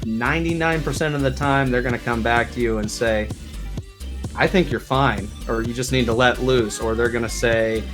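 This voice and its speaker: A man appearing as a guest on a casual video interview, giving earnest advice in a relaxed way. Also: medium pitch, moderate pace, music in the background. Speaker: guest streamer.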